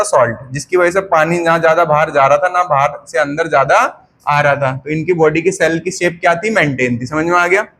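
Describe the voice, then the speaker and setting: A man's voice: on the high side, fairly bright tone. A man teaching biology with a raised voice. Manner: drills students with repeated questions and answers; slows down to dictate notes. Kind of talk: classroom lecture. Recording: faint background noise.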